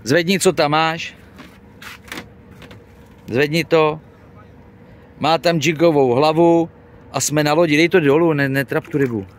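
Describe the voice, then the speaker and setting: A man's voice: fairly high pitch, steady tone, slight background noise. Indignant man arguing from a boat. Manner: indignant, argumentative, fast rebuttals. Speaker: fishing vlogger. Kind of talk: filming a confrontation on a boat. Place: on a boat outdoors. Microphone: phone camera held by speaker.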